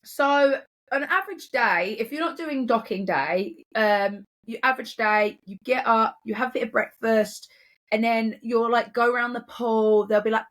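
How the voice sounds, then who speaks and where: Giggly woman, higher voice. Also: a bit bright. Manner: giggly, chatty. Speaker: podcast co-host. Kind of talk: casual chat.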